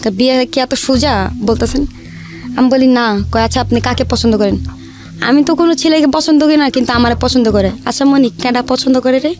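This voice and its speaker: Brisk and a little mellow, a high female voice carries this casual personal story. The young woman speaks with a Bangladeshi accent, uses colloquial language and acts out the dialogue, with background music behind her.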